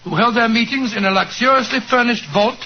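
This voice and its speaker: A genial elderly doctor who spins a yarn in a 1940s radio play, his voice pitched high for a man. The sound is muffled and faintly hissy, like an old broadcast. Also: a little fast. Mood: storytelling. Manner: genial, avuncular storyteller. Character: elderly English doctor narrator, genial storyteller.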